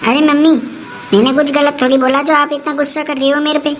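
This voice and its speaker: A woman's voice: sits high, level tone, fast talker, a little hiss or hum, close to an everyday voice. A woman playing an exasperated grown son who is stuck between his mother and his wife in a comic family skit. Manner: pleading, then fed up.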